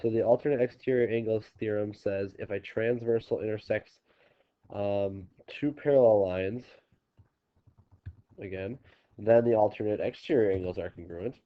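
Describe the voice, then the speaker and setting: A stuffy-nosed man whose voice is on the low side speaks at a normal speed while teaching a geometry class on video. He goes step by step, often restarting and saying "um." The recording is lo-fi and a little dull.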